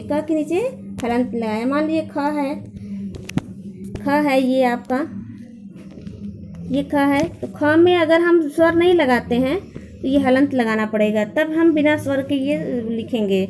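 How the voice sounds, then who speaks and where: Woman teacher with a high voice, patient step-by-step grammar explainer. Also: mellow, slight background noise. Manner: explains patiently, repeats questions and answers them herself. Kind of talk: classroom grammar lesson.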